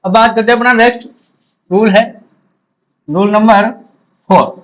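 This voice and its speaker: A man with a high voice teaches English grammar to exam candidates. He explains in Hindi with English terms mixed in. He repeats each rule and checks understanding with short questions. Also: fairly even intonation, a bit bright, poor audio. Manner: repeats key terms, asks the class quick check questions. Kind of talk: exam-prep grammar lecture.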